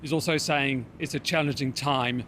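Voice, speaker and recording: A man's voice: mid-range voice, steady tone, moderate pace, pushed and bright, slight background noise. A man with a New Zealand accent reporting the news as a broadcast reporter. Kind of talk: scripted news report and live cross.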